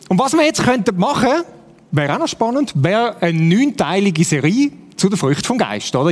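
A man with a Swiss German accent preaching a sermon in a conversational way, often turning to the congregation with "oder?". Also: sits high. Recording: long hall reverb.

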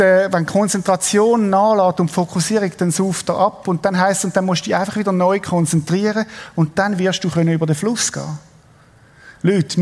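High-voiced Swiss preacher in a reverberant hall. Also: male voice. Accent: Swiss German. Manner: animated storytelling, asks the congregation questions. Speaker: pastor. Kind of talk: sermon.

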